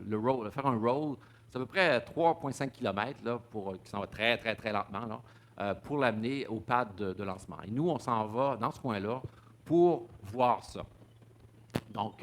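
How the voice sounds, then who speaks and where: A man's voice: fairly low pitch, fairly bright tone. A man giving a public talk, stumbling over repeated words and fillers. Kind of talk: public lecture with slides.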